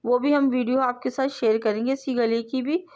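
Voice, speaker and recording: A woman hosting a sewing tutorial, explaining each step patiently in a voice-over and repeating her phrases. She often lets her voice trail off softly at the end of a step. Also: a little high, fairly even intonation, moderate pace. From South Asia. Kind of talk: instructional voice-over.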